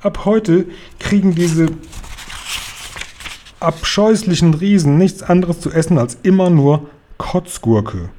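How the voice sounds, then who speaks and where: A man's voice: high voice, slow, long pauses, dark tone, voice pushed up. A man reading aloud and voicing a huge, kindly male giant who jumbles his words in a folksy, earnest way. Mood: earnest, excited.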